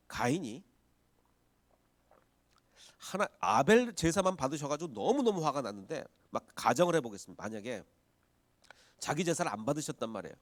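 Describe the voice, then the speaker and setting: A male pastor delivers a sermon in a fairly high voice that rises and falls widely. He acts out quoted voices as he preaches, shifting from loud emphasis to hushed lines. The sound is dry and close. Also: no room sound.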